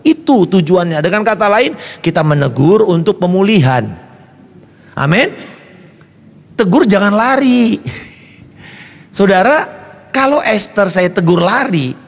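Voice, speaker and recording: Animated high-voiced man preaching. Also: vocal fry, big-room sound. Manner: animated preaching, mixing in English phrases, acting out shouts and quotes. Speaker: pastor. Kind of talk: sermon.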